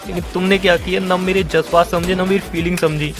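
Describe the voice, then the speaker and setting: A young man talks through tears, pleading and accusing by turns. His voice sits a little high for a man. Music plays clearly beneath the call. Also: little pitch movement, fast talker. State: crying. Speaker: gamer chatting with his partner. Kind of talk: emotional voice-chat argument. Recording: music playing underneath.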